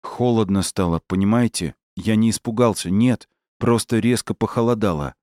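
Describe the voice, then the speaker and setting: A shaken teenage boy haltingly explains himself, as a man reads him in an audiobook. The delivery is close and dry. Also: lowish voice, a little mellow, dry recording, voice pushed up, natural voice. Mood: bewildered.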